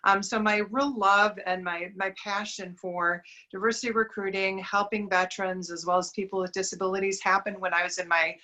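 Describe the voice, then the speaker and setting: On an interview podcast, a middle-aged guest from Wisconsin, USA, who runs a diversity recruiting business, talks upbeat and at length in her local accent, often murmuring agreement. Her mid-range voice is steady, brisk and sharp with hardly any pauses, and the recording is rough.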